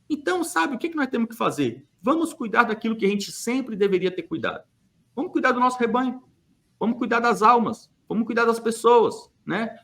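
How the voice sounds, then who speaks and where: A man from Brazil, his voice high and a bit bright, holds forth in an opinionated monologue on a church podcast. He presses his argument emphatically, asking rhetorical questions and hesitating with fillers.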